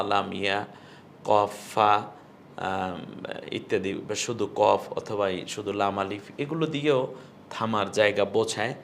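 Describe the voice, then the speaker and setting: A man's voice: fairly low pitch, a bit bright, slight background noise. A man with a Bangladeshi Bengali accent teaching an online lesson on Quran recitation, explaining rules step by step. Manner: explains step by step, chants recited verses slowly.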